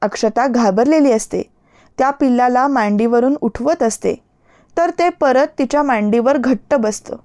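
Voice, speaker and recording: A woman reads a story aloud in a steady, even voice that sits fairly high. The recording is close and completely dry, with no room sound. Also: moderate pace, no room sound. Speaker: audiobook narrator. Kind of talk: scripted story narration.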